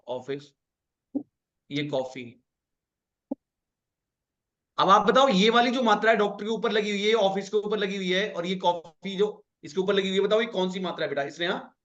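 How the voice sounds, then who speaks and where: A man's voice: high-pitched, moderate pace, a bit bright, highs cut off. A man teaching an online class, coaxing students, repeating each point and calling on them by name.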